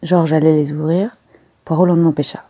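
An audiobook reader giving measured scripted narration. The voice is gravelly and dark, with a husky grain. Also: mid-range voice, level tone. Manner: measured storytelling.

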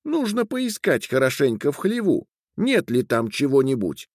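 A man's voice: medium pitch, sing-song, normal speed, no room sound, clean studio sound, voice pushed up. A man voicing a nosy, stubborn peasant wife who keeps prying with insistent questions in a storybook reading.

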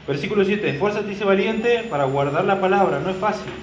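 A man preaches in a fairly high voice. His style is chatty, and he keeps checking in with the congregation and cracking small jokes. The recording is roomy and a little dull. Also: a little fast, a little hiss or hum. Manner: conversational preaching with frequent questions to the congregation and joking asides. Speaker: pastor. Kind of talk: sermon.

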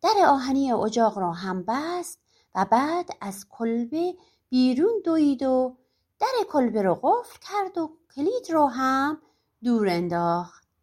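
A woman's voice: sits high, big pitch swings, darkish tone. A woman narrating a folk tale audiobook expressively, often fading to a whisper at the ends of lines. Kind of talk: storybook narration.

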